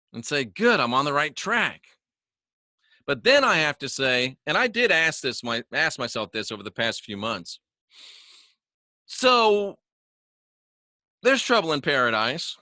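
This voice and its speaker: A folksy man hosts a casual religious talk from his home studio, joking with viewers and repeating words for emphasis. His voice is bright and forceful, and the room sounds dry and close. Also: mid-range voice, no echo. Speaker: online religious talk host. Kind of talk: casual spoken monologue to viewers. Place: home studio he calls the bunker.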